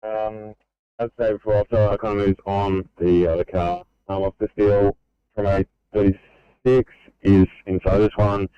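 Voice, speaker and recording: Low, flat-toned man on muffled radio. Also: moderate pace, clear, resonant tone, dry recording. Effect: two-way radio. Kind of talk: procedural two-way radio talk.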